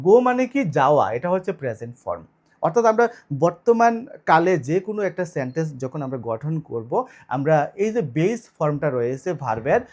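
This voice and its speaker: Male tutor, rather high voice, patient step-by-step grammar lesson with self-posed questions. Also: darkish tone. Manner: explains step by step, asks and answers own questions. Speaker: English teacher. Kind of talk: online video lesson.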